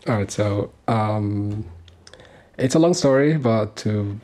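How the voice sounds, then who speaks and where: A Sudanese man in his thirties speaks as a guest on a community radio interview. His voice is on the low side, dark in tone, and slow. He sounds earnest and hesitant, with many fillers and restarts.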